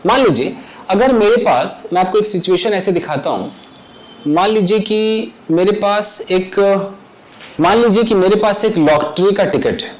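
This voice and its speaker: A man with a high-pitched, animated voice gives a Hindi-English grammar lesson from his home kitchen at a measured pace, using live demonstrations. He keeps things chatty and often checks that his viewers are following along. The recording is low quality.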